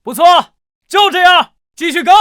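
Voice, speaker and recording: A cocky bossy genius, offhand, lively pitch. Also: male voice, normal speed, a little hiss or hum, heavily acted. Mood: casual. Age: young adult. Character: cocky young farming genius.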